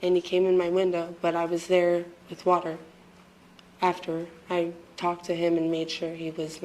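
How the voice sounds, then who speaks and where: A woman testifying as a witness in a courtroom, hesitant and apologetic, speaking haltingly with many pauses and a voice she says is fading. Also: fairly low pitch, monotone, a little mellow, a little hiss or hum, poor audio. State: losing her voice.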